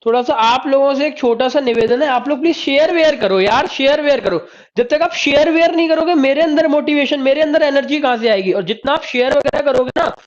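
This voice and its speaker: Repetitive Hindi tutor, dull lo-fi audio. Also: male voice, extremely high pitch. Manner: repeats each point and quizzes the class with rhetorical questions; praises students by name, calls them "sahab" and "beta". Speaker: Hindi teacher. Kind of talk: live online exam-prep class.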